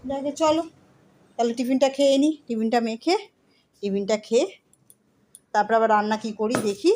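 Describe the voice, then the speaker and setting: A woman's voice: a little high, moderate pace, dark tone. A middle-aged woman, chatting through a casual home vlog from her kitchen and talking to her viewers as friends. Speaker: vlogger. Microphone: phone camera.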